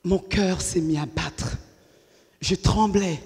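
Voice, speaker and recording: A woman, telling her life story to an audience in a lively way and acting out the voices of the people in it. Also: lowish voice, slow pace, slightly rough. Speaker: speaker giving a personal testimony. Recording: long hall reverb.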